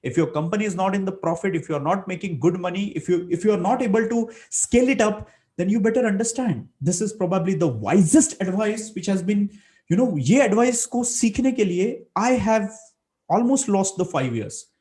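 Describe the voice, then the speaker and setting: Coaching a motivational business webinar, this Maharashtrian man talks a little quickly in a high, dark-toned voice with lively intonation. His Marathi Indian accent carries English sprinkled with Hindi, and he stresses and repeats his main points.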